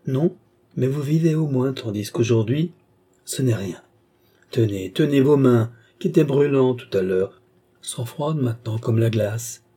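A man's voice: mid-range voice, measured pace, dark tone, breathy edge. A man reading aloud, voicing a worried, tender young nobleman who pleads anxiously.

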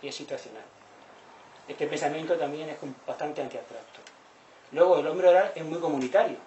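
A man with a Spanish accent lectures in a lively, colloquial way, throwing himself into the dialogue he retells. His voice sits a little high for a man. The recording is roomy, with faint noise behind him. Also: a little fast, lo-fi sound. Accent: Spanish from Spain. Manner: animated, colloquial, acts out dialogue. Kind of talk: public lecture.

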